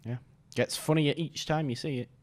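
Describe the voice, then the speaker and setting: A British man talking casually as a podcast guest, with a dry, deadpan sense of humor. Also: a little high, normal speed. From Britain. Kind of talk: casual chat.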